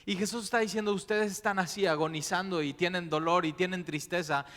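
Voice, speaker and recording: A man, a pastor giving an expressive, conversational sermon with informal asides. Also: sits high, a little fast. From Mexico. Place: church auditorium. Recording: long reverb of a church hall.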